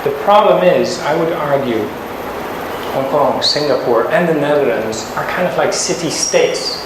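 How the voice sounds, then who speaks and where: A man's voice: on the high side, lively intonation, measured pace. Echoey, hesitant man defending a thesis. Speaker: doctoral candidate at thesis defense. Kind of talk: academic presentation and discussion. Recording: very echoey room, clear background noise.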